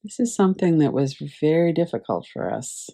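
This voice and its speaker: A woman teaching a class over a video call, gently guiding listeners through a visualization with unhurried pauses. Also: low-pitched, big pitch swings, creaky. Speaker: meditation teacher.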